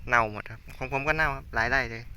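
A man's voice: medium pitch, racing, low-quality recording. A man, a farmer filming a casual vlog out in his rice field, plain-spoken and complaining, with polite particles at the end of almost every phrase. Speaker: farmer vlogger. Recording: loud engine noise outdoors. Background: running tractor engine.

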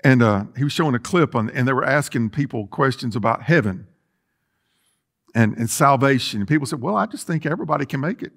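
A middle-aged pastor preaches in a large sanctuary with rows of chairs, indoors, pacing and gesturing with earnest restarts. His mid-range voice is animated and fairly bright, running a little fast.

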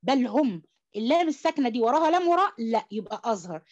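A woman's voice: on the high side, rapid-fire. A woman with an Egyptian Arabic accent teaching a tajweed class online, moving between Arabic and English. She asks her students questions and leads them through examples. Her voice comes through dull, lo-fi call audio. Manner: animated, coaxing students with questions. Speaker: Quran recitation teacher. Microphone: computer mic on an online call.

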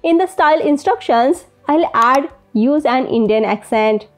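A woman hosts a step-by-step software tutorial and is openly delighted by the results. Her voice sits high, with faint music playing behind her narration. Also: animated, unhurried. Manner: enthusiastic, easily amazed. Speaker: tutorial host. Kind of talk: screen-recording tutorial narration.

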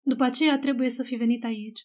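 A woman reading as a gruff older man. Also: on the high side, steady tone, darkish tone, natural voice. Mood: grim.

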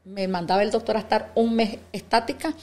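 A woman in her fifties talks as a podcast guest, spinning her stories with real animation and acting out the back-and-forth of conversations. Her pitch sits in the middle for a woman, and her telling is relaxed and chatty. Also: a little fast. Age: 50s. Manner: animated storytelling, acts out quoted dialogue. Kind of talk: casual interview chat.

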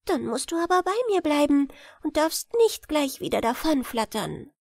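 A woman reading a small, friendly glowworm girl who invites company in a slow, high, songlike storybook voice. Close and dry. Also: animated, creaky, darkish tone, no echo. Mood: gentle. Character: gentle wingless female glowworm, friendly.

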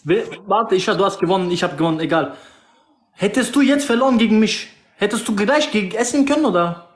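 Young male streamer, high voice, protesting slangy banter, roomy sound. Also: lively intonation, brisk. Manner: slangy, protesting, repeats phrases. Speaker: live streamer. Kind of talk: heated casual livestream banter.

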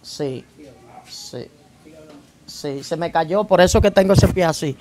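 A man's voice: on the high side, slow pace, a little mellow. A man giving a church testimony about his past as a gang member. He tells it vividly, acting out events and breaking in with praise phrases. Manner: vivid storyteller who acts out events and keeps adding praise phrases.

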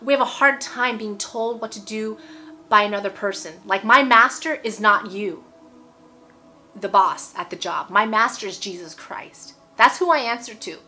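A woman's voice: mid-range voice, moderate pace, bright, forceful tone, faint music behind. A woman in her forties giving a casual, emphatic sermon to camera at home, repeating phrases and checking in with "okay?". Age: 40s. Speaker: preacher. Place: indoor room at home.

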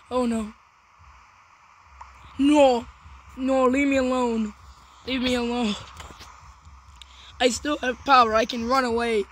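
A woman's voice: sits high, a bit bright, slight background noise, poor audio. A woman hosting a gaming video, giving let's play commentary and yelping in panic during fights. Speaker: gaming channel host.

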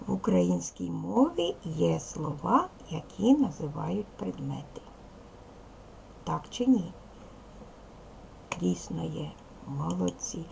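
Woman teacher doing a video lesson for little kids, slow and patient, gravelly low-ish voice. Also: very animated, darkish tone, slight background noise, rough recording. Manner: slow, clear, patient, addressing children with questions. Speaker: primary school teacher. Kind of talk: video lesson for young children.

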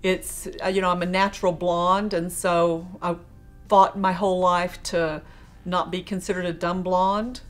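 A middle-aged woman answering interview questions in a relaxed, self-deprecating way with frequent laughs, in a studio. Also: on the low side, unhurried, faint music behind. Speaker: quilting industry guest. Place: studio with quilt backdrop.

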